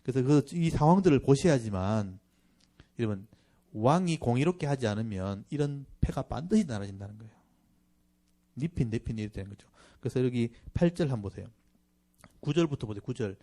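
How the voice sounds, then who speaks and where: A male pastor teaching a Bible class, speaking conversationally and reading verses slowly with emphasis. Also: mid-range voice, animated, warm tone. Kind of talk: Bible lecture.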